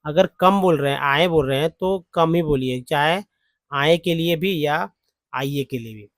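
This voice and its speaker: A man with an Indian English accent gives a slow spoken lesson, repeating each example phrase several times. His voice sits a little high and is recorded dry and close, with no room sound. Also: dry recording. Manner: mixes Hindi and English. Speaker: English teacher.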